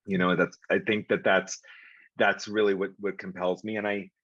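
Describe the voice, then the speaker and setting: A man's voice: sits low, little pitch movement, normal speed, fairly bright tone, breathy edge, no room sound, dull audio. A middle-aged man telling stories as an interview guest, rambling with lots of fillers and restarts. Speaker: guest, publishing executive. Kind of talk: casual storytelling in an interview.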